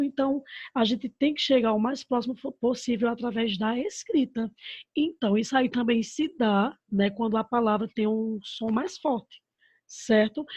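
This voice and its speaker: Brazilian lady teaching kids grammar, patient and sweet, breathy, kinda muffled dead-dry audio. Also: mid-range voice, a little mellow, no echo. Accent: Brazilian Portuguese. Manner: patient, addresses pupils with diminutives and "my love"; answers her own rhetorical questions. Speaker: primary school teacher. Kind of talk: remote lesson over slides.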